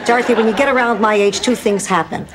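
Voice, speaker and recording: An older actress playing a blunt, sly elderly mother, delivering deadpan wisecracks in studio sitcom style. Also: a little high, fast, some chatter behind, natural voice. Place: sitcom kitchen set. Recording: noisy 1990s TV sitcom audio.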